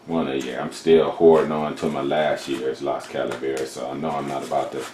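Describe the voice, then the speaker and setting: In a very noisy, echoey room beside his humidor, a cigar reviewer shows off cigars in a casual vlog. His low, rumbling voice stays level and brisk as he rambles in a laid-back, chatty way full of fillers.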